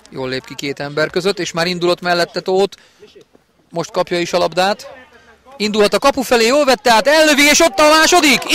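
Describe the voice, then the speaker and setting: An excited male football commentator with a fairly high-pitched voice. He follows play in live sports commentary style, openly backing the home side and building toward big goal calls.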